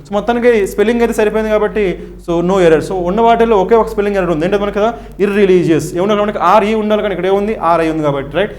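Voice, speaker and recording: A man's voice: sits high, very fast, darkish tone. A young man with a Telugu accent, teaching an exam-prep lesson. He asks the class questions and answers them himself, and ends many lines with "right?".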